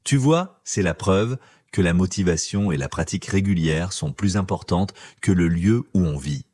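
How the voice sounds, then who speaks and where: A man co-hosting a learners' podcast, speaking clearly and encouragingly like a teacher. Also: low voice, moderate pace, a little mellow. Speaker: podcast co-host. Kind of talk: scripted podcast dialogue for learners.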